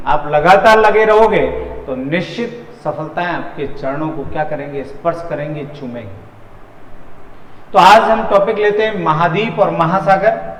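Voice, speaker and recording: This man lectures for exam prep at an unhurried pace and a fairly high pitch, asking himself questions and answering them while repeating key phrases. The room has a hall-like echo.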